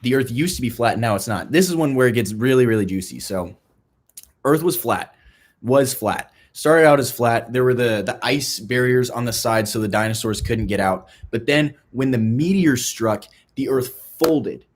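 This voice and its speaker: A man's voice: medium pitch, animated, moderate pace. Man, young adult, playful, mock-serious, rambling, youth group talk. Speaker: youth ministry speaker.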